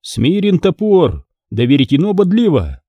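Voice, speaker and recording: A man's voice: fairly high pitch, huge pitch swings, measured pace, warm tone, no echo, highs cut off, voice pushed up, heavily acted. A man voicing a stern old abbot who rebukes sharply.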